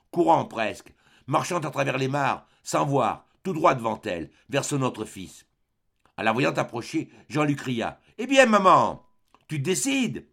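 A man narrating a classic novel aloud in a measured, expressive storytelling manner. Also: medium pitch, gravelly. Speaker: audiobook reader. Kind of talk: literary audiobook narration.

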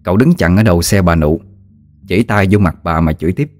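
Deep-voiced man telling ghost stories. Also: fairly quick. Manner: steady, vivid storytelling. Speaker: storyteller. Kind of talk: ghost story narration. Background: faint music.

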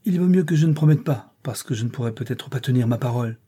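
A man's voice: mid-range voice, quick pace, warm tone, slightly rough, natural voice. A man reading a reserved young governess. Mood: earnest. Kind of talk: audiobook reading.

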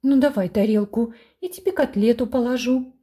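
Woman doing a brisk, scolding mother. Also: on the high side, dark tone, close to an everyday voice.

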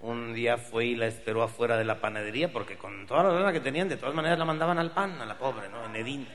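A man's voice: mid-range voice, animated, quick pace, long reverb tail, crowd noise. A man with a Mexican accent telling a stand-up story in a profane, wry way. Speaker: comedian.

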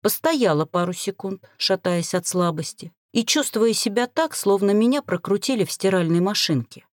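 A woman narrating a first-person fantasy novel, expressive storytelling. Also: mid-range voice, normal speed, dry recording, studio quality. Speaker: audiobook narrator.

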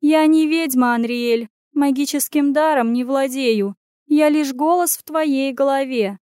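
A woman voicing a bossy, sharp-tongued female cat in an audiobook, scolding in quick retorts. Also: high voice, no room sound, studio quality, voice pushed up. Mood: fretful. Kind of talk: audiobook character voice.

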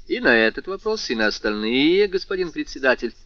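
A man's voice: fairly high pitch, fairly quick, dry recording, highs cut off. A man voicing a coolly insolent young defendant. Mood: polite defiance. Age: young adult. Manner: calm, courteous and mocking.

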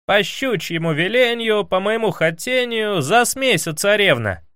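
Storybook casting: a man playing a cocky, lovesick young fellow, raised pitch, loud, folksy and old-fashioned in speech. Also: normal speed, no echo, studio quality. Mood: boastful. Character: bumbling young male suitor, boastful and lovesick.

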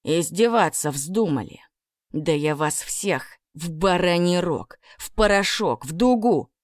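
A woman's voice: on the low side, animated, measured pace, no echo, clean studio sound. A woman voicing a hot-tempered peasant lad who blusters indignantly.

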